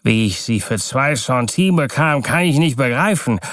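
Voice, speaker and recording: A man's voice: medium pitch, animated, moderate pace, a bit bright, no room sound, clean studio sound, close to an everyday voice. A man voicing a drunk, defiant sailor who bellows and taunts. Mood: boastful. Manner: rowdy, bellowing, slurred. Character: drunk, defiant male sailor, coarse and boastful.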